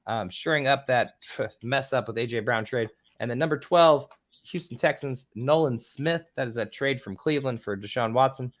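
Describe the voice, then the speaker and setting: A man hosting a casual podcast, rattling off a list with filler ums and casual swearing, his voice a bit squeaky. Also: moderate pace. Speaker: podcast host.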